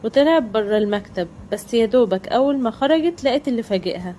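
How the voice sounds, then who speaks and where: Egyptian woman storyteller for scripted narration; brisk, dark mellow tone. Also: on the high side, expressive, slight background noise.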